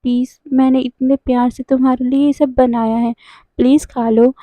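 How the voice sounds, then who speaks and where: A woman's voice: high voice, flat delivery, normal speed, dry recording, narrow, tinny audio, close to an everyday voice. A woman voicing a pleading young man. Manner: pleading, sweetly insistent. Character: cheerful pleading young man, clingy lover.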